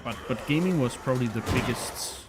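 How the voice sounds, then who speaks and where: A Danish man in his thirties, a native speaker with a Danish accent, chats casually with viewers while streaming a game, hesitating and repeating words often. His mid-range voice is animated and brisk, and the recording is very noisy.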